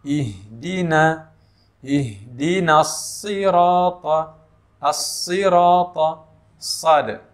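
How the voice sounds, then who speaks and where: A man with an Indonesian accent teaching Quran recitation, explaining pronunciation with many fillers and chanting slow, drawn-out examples. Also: medium pitch, fairly bright tone. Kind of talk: tajwid lesson with demonstrations.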